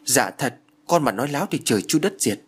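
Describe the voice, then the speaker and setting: A man's voice: mid-range voice, lively intonation, brisk, slightly rough. A man voicing an earnest young man who speaks deferentially, in an audio storybook.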